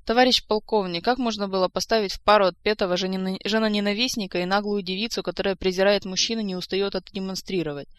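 A woman's voice: medium pitch, steady tone, fast talker, hardly any pauses, dry recording, close to an everyday voice. A woman reading aloud, voicing a weary male commander who grumbles and complains. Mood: plaintive. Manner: grumbling, plaintive.

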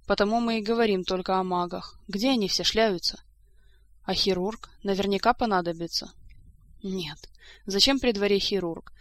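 A woman's voice: medium pitch, normal speed, dry recording, close to an everyday voice. Lady reading as a hotheaded young prince, grumbling and scolding his cousin in a storybook. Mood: exasperated. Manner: exasperated, scolding.

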